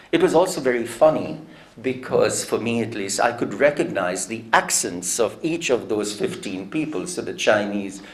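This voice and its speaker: A man giving a public lecture, telling a story in a reflective, anecdotal way and quoting others in his own voice. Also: lowish voice.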